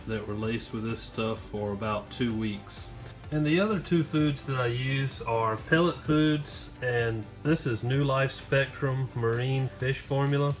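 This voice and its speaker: A man casually narrating a home how-to video, explaining things in an informal, easygoing, unscripted way to viewers. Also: mid-range voice. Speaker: home aquarium hobbyist filming a fish-care vlog. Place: at home beside a fish tank and kitchen sink.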